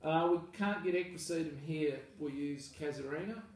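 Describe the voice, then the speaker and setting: An Australian man, a farmer, talking casually and at length in an interview, relaxed and self-deprecating. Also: fairly high pitch, moderate pace. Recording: echoey room, mic far off, faint noise.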